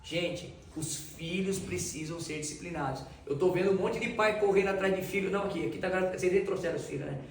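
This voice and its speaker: A man's voice: high-pitched, a little fast, hardly any pauses, a little hiss or hum. A middle-aged man, a pastor giving a casual, joking church talk full of personal anecdotes and speaking directly to the audience. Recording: roomy hall, far mic, audience audible.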